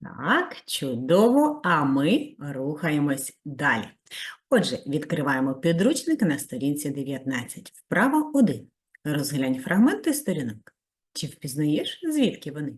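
A female primary school teacher giving a video lesson to children, praising warmly and giving step-by-step tasks. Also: unhurried. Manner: very lively pitch, rising high on praise.

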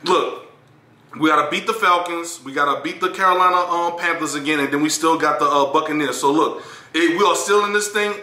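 A man in his thirties giving a hopeful take on his team in a casual living-room reaction, halting with many fillers. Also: on the high side, bright, forceful tone, reverberant. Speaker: show regular and guest. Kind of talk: casual sports reaction talk.

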